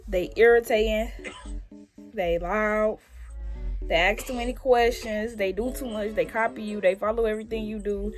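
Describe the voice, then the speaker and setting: A woman's voice: mid-range voice, steady tone, moderate pace. A young woman chatting casually on video with strangers, blunt, slangy and full of swearing. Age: young adult. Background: music.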